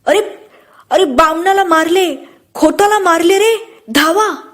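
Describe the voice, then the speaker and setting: A woman voicing an old village woman who shouts for help, shrill and crying out. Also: slow pace, full character voice. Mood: alarmed.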